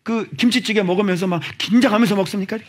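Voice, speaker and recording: A man preaching a sermon as pastor, animated and sometimes shouting at the congregation, acting out little dialogues. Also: sits high, fast talker, husky. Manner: acts out little dialogues in different voices. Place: church sanctuary.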